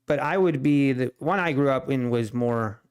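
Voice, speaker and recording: With a slightly mellow, smooth mid-range voice at a moderate pace, an Ohio man with a Swiss German accent talks casually on a day trading live stream. He rants in exasperation, rambling and repeating himself with plenty of restarts.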